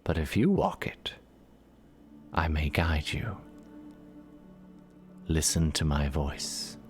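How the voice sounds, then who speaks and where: A cryptic old hag, played by a man in a tabletop fantasy game, very low in pitch and slow. The speech is formal, solemn and deliberate, over faint music. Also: sing-song, full character voice. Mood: cryptic, guiding. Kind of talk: tabletop role-play acting.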